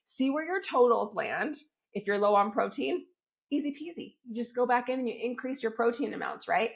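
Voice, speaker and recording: This fitness coach and podcast host has a fairly high voice, made gravelly, crackly and a bit squeaky by a cold. Speaking solo at a moderate pace, she stays expressive, upbeat and chatty, often tossing in "right?" or "okay?" to keep her audience with her.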